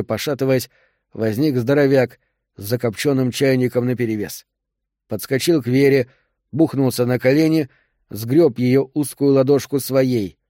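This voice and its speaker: Male audiobook narrator, measured delivery, average pitch, dry recording. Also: no echo. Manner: measured, steady storytelling. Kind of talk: scripted narration.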